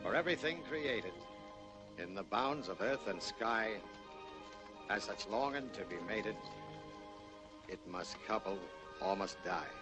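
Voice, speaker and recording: An actor playing a big, humble middle-aged cowboy in a 1940s Western film, folksy and halting, with an American Western accent. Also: male voice, lowish voice, expressive. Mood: gentle, bashful. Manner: folksy, plain-spoken, halting. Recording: old film soundtrack with music.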